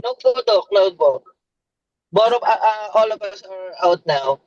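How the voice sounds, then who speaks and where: Man from the Philippines, high voice, apologetic and flustered, dull dry phone sound. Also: lively intonation, measured pace, darkish tone. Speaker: meeting host. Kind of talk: casual video call chat. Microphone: phone while driving.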